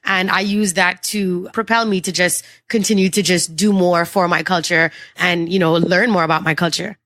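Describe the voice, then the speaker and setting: A woman's voice: lowish voice, steady tone, normal speed, a bit bright, no room sound, studio quality. A woman from Trinidad and Tobago in her thirties with a Trinidadian accent, chatting openly as an interview guest. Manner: chatty and open, lots of you-knows and likes. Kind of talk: casual interview conversation.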